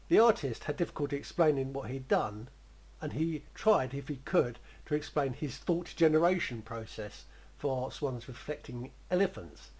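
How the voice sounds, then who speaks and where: A man's voice: a little high, a little mellow, poor audio. A man gives a rambling, conversational creative writing lesson and often chuckles.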